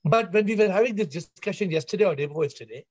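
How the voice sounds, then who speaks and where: Man, high voice, emphatic spiritual teacher, repetitive phrasing, dull video-call audio. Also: animated, rapid-fire, no echo. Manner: emphatic, repeats phrases for effect. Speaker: spiritual teacher leading an online discussion. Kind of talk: spiritual discourse with questions to listeners.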